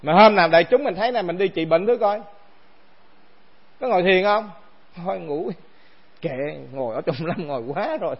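High-voiced monk preaching. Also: male voice. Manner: conversational, asks the assembly rhetorical questions. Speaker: monk teacher. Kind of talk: Buddhist dharma talk. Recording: dull lo-fi recording.

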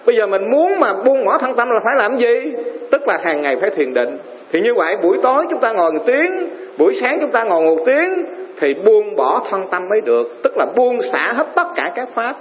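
Monk giving a sermon, dull lo-fi echoey hall sound, keeps asking the crowd stuff. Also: male voice, very high voice, very animated, brisk. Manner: keeps quizzing the audience with questions. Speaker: Buddhist monk teaching lay followers.

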